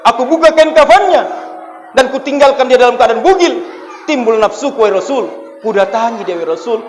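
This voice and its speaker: Remorseful young man confessing, pleading, told by a preacher in a sermon, high voice, big hall reverb. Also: lively intonation, a little fast, faint music behind.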